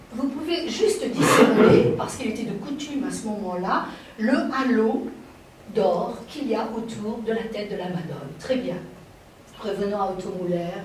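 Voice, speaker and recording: A woman's voice: medium pitch, darkish tone, a little hiss or hum. A woman art historian giving a slide-show lecture as guest speaker, digressive and often searching for her words. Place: lecture room. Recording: very echoey room, voice from far off.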